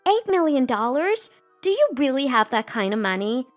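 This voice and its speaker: Woman voicing a snobbish young bank clerk, high sneering voice, swooping mocking tone, crude laughs, faint music. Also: big pitch swings, slow pace, fairly bright tone, exaggerated voice. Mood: smug mocking. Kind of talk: storytelling narration with acted quotes.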